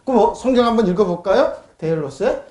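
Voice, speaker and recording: A woman's voice: medium pitch, expressive, fast talker, dark tone. Woman preacher, keeps firing questions at the crowd, voice jumps all over, roomy church sound. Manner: emphatic, peppered with rhetorical questions to the congregation. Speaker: pastor. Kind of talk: sermon with scripture reading.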